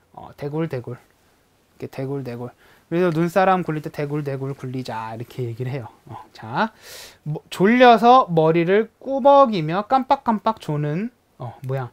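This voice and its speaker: A young adult teacher leads a recorded language lesson at an easy, unhurried pace. The teacher pauses often on "uh" and acts out sounds to show what each word means. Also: mid-range voice. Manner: explains words slowly, imitating sounds to illustrate them; hesitant, with frequent "uh" fillers.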